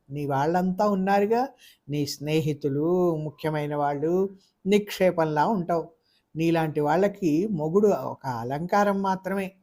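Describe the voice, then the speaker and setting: కథకులు చదివే కోపంతో అరిచే భర్త. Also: male voice, sits high, lightly acted. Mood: bitter reproach. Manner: harsh, shouting, contemptuous. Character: angry insulting young husband. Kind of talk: audiobook character voice.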